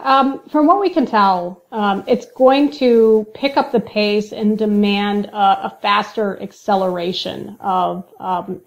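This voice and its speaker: Podcast guest, woman, mid pitch, measured explainer with ums. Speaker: guest, industrial cybersecurity manager. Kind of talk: podcast interview.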